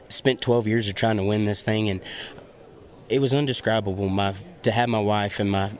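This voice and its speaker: An American man from Virginia, an auctioneer, giving earnest answers as an interview guest. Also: lowish voice. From Virginia, USA.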